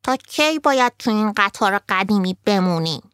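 Woman putting on a bright excited little boy, asks loads of eager questions, dry close sound. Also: medium pitch, clean tone, dry recording, close to an everyday voice.

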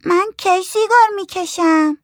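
A narrator voicing a small, curious little girl who asks slow, high, childlike questions in an audiobook story. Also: no room sound, studio quality.

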